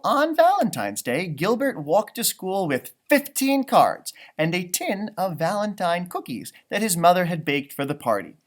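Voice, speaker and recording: Man, children's storybook reader, highly animated pitch, expressive, exclaiming, talking to young listeners. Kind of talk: animated children's read-aloud with commentary.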